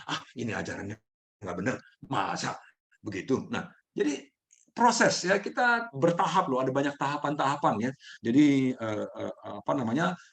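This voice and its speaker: Man, middle-aged, mindfulness host, casual teaching, animated, fillers. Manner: animated, jumps up high when acting out people; fillers and restarts, laughs often.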